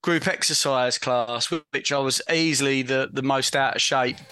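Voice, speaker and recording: A man's voice: mid-range voice, fairly even intonation, moderate pace, pushed and bright, clear, resonant tone. A man with an Essex accent chatting casually as a podcast co-host, with blokey, self-deprecating, matey banter. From Essex, England. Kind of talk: casual comedic chat.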